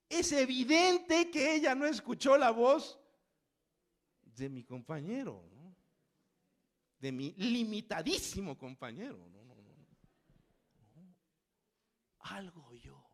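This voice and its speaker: A man preaching to his congregation through a story. He tells it dramatically, with lively swings in pitch, in a slightly high voice. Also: husky. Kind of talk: storytelling sermon.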